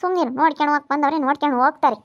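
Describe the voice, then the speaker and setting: A woman's voice: sits high, rapid-fire, dull audio. A woman acting in a village family drama, talking in a soothing yet firm, scolding way.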